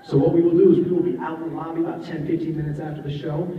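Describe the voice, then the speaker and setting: Chatty stage banter from a male singer, high and lively, distant and echoey. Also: very fast. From Colorado, USA. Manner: chatty, joking, lively announcements. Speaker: a cappella group singer addressing the audience. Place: large theater stage before a loud audience. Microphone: handheld mic, filmed from the audience far off. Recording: distant, echoey, dull audience recording.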